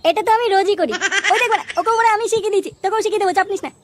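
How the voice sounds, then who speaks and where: Woman voicing a cocky cussing cartoon village boy, super high and rapid, noisy track. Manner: swears constantly, coaxing and cocky. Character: foul-mouthed idle village boy. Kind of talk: cartoon comedy voice acting.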